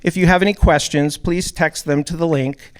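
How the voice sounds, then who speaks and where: A man's voice: a little high, fairly even intonation, smooth. Slightly nervous man giving opening remarks. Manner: a little nervous, reads measured remarks. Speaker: event host, music producer. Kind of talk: prepared opening speech. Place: event hall with audience.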